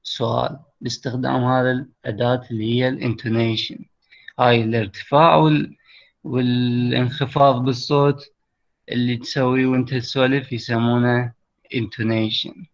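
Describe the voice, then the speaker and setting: A man's voice: medium pitch, little pitch movement, moderate pace, creaky. Iraqi man teaching over a lo-fi call. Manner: explains step by step and checks that students follow. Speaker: English teacher. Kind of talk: online class explanation. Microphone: computer mic on a video call. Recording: lo-fi online call audio.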